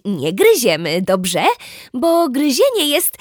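A woman voicing a calm, doting mother who talks to her children in a soothing, patiently lecturing way. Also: a little high, slow, noisy background, voice pushed up, exaggerated voice. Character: calm, doting mother of a teen girl and a baby.

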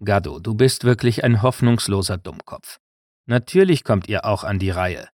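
A man's voice: lowish voice, very animated, normal speed, a little mellow, dry recording, clean studio sound. A man voicing a malicious, smug one-eyed male traitor, in a menacing manner. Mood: gloating.

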